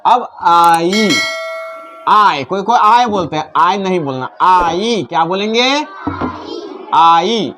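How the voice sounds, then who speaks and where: A man teaching the alphabet to children in a slow, repetitive classroom manner, asking questions and repeating each sound. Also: high-pitched, lively intonation, noisy background. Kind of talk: classroom-style alphabet lesson.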